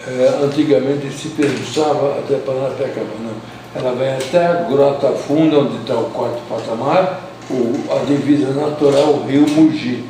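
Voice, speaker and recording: Man, dark mellow voice, descriptive, echoey room. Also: medium pitch, steady tone, moderate pace, a little hiss or hum. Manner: descriptive, explains local borders. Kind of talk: casual conversation. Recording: echoey room, distant mic.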